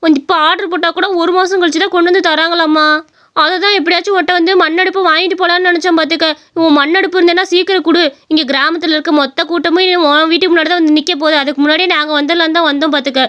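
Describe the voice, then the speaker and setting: A woman's voice: extremely high pitch, steady tone, racing, a bit bright. A woman voicing a pushy village neighbor in a cartoon story, urgent and pleading.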